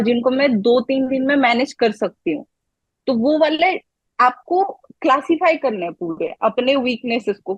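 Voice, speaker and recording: A woman with a high, slightly husky voice, giving casual, upbeat advice as an interview guest. She talks in a flowing, chatty way. The sound is dry and a bit dull. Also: no echo. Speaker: interview guest, medical graduate.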